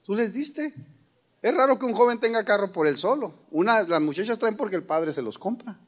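A man's voice: sits high, animated, a little fast. A middle-aged man with a Mexican accent preaching a sermon as a pastor, folksy and joking, calling his listeners brothers.

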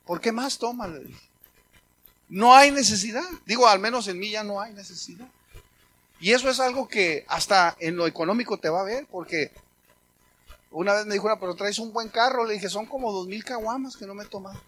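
A middle-aged man with a Mexican accent preaches in a conversational, story-driven way, acting out remembered conversations. His voice sits high and sounds bright and forward. A faint hum of room noise lies under the sermon. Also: a little fast. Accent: Mexican Spanish. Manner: conversational storytelling, animated quoting. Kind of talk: sermon testimony.

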